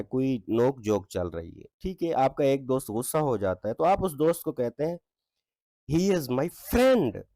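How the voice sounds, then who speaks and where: A man teaching an English textbook lesson, reading example sentences slowly with stress and checking in with his students often. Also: mid-range voice, mellow, dry recording, studio quality. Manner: reads English lines slowly with stress, asks "ठीक है?" often. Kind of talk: explaining a textbook exercise.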